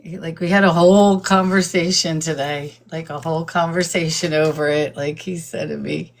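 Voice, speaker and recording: Older woman, live-stream host, casual chatty talk, frequent laughs, low pitch. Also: steady tone, moderate pace. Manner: chatty, laughs often, greets viewers by name; admits nervousness about reading aloud.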